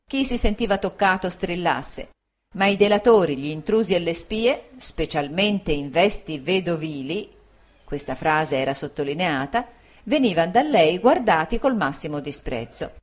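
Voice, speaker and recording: A woman's voice: lowish voice, animated, normal speed. Woman narrating a classic novel. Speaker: audiobook narrator. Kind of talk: scripted literary narration.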